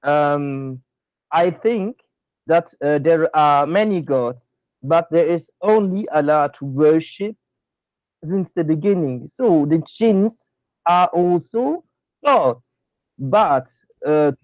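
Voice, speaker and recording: Hesitant slow male caller, dull line. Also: fairly high pitch, lively intonation, darkish tone, no echo. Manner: hesitant, full of ums and pauses. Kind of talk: call-in debate.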